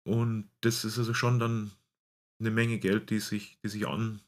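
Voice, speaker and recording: Deep-voiced man, Bavarian accent with American tinge. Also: little pitch movement, unhurried. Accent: Bavarian German with an American tinge. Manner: searches for words, slips into English. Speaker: guest explaining US retirement investing. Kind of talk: casual explanatory chat.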